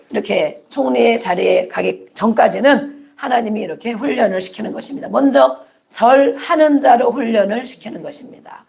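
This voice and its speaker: A woman's voice: a little high, gravelly, a little mellow. A woman pastor preaching a sermon with emphasis, repeating key words and acting out short quotes.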